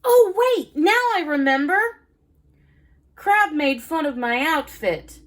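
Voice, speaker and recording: A woman's voice: high-pitched, big pitch swings, slow, full character voice. A woman voicing a small, worried jellyfish sidekick in a children's storybook, unsure and fretful.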